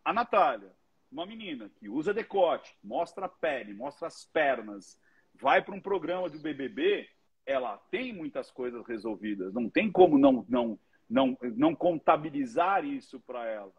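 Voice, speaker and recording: A man tells stories with lively energy and swears casually. His voice sits higher than most men's and has a husky edge. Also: normal speed, highs cut off. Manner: animated storytelling, swears freely. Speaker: guest, oratory teacher. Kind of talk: casual commentary chat.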